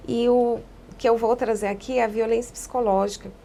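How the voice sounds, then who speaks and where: A woman psychologist giving calm, explanatory answers in a podcast interview, often echoing key phrases. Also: on the high side, a little fast, a little hiss or hum.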